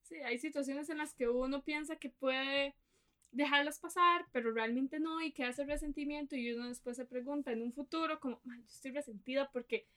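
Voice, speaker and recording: A woman's voice: high-pitched, steady tone, moderate pace, fairly bright tone. A woman hosting a podcast, chatting casually and thinking aloud about her own experiences.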